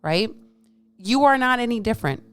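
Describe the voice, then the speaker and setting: Clear-voiced woman around forty talking with retainers in. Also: a little high, animated, moderate pace. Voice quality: speech slightly altered by dental retainers in her mouth. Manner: candid, sweary, emphatic, repeats phrases for stress. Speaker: podcast host, health coach. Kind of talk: casual solo monologue telling a story with lessons.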